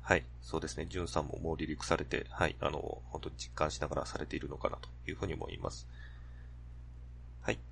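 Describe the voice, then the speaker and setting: A man co-hosts a podcast, giving short acknowledgements and then wrapping up the episode. His voice is very deep and gravelly, and he talks quickly. A faint noise sits behind him. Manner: attentive listener, steady short acknowledgements. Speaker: podcast co-host. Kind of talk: casual podcast talk.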